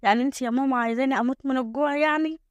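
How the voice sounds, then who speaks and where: A woman's voice: high voice, very fast, dry recording, highs cut off, close to an everyday voice. A woman voicing a cheerful, easygoing young village woman with an Egyptian accent, shrugging off insults. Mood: carefree. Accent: Egyptian Arabic.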